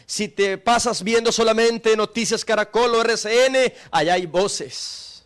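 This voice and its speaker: Man, middle-aged pastor, high voice, emphatic repetitive sermon delivery. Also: unhurried, fairly bright tone, clean tone. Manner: emphatic preaching, repetitive cadence.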